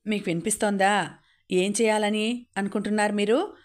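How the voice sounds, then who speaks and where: A woman voicing a stubborn, resentful young adult son in a storybook reading, talking quickly and insistently. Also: medium pitch, steady tone, lightly acted.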